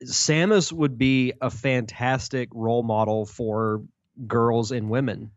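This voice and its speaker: A man's voice: mid-range voice, fairly even intonation, slow pace, no room sound. An easygoing man co-hosts a podcast, chatting along and reading out a news item. His mid-range voice comes through a dry, slightly muffled recording. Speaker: podcast co-host. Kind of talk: casual chat, reading news aloud.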